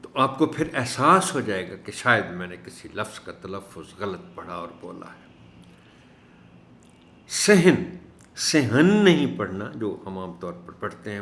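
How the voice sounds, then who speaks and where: A man teaching an Urdu lesson for teachers, speaking in a measured way and slowing down to stress each word he corrects. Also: fairly low pitch, fairly bright tone. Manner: measured, stresses words slowly when correcting pronunciation. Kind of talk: instructional video lesson. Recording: echoey room.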